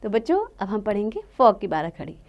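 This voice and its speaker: A woman teaching a children's lesson, reciting syllables one by one in a slow, drawn-out way. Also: mid-range voice, sing-song, dull audio.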